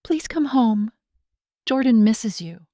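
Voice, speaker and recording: A woman's voice: on the high side, animated, slow, mellow, dry recording, clean studio sound. Storybook: tired grown daughter, strained and pleading, read by a woman narrator, no room sound. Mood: apologetic. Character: weary adult daughter pleading with mother.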